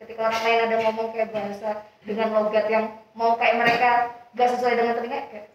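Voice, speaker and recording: Brief: young woman guest from Kalimantan, quick rambling talk, slightly high voice, echoey room far from the mic. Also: monotone. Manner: rambling, many fillers and acted quotes. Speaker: student guest. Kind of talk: casual discussion. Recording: echoey, distant, slightly dull.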